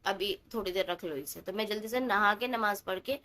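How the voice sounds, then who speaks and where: A young woman vlogging at home about her day as a new mother, chatty and tired, with a hoarse, sore-throated voice and English words mixed into her talk. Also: medium pitch, a little fast, fairly bright tone. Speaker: mom vlogger. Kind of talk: casual vlog chat to camera.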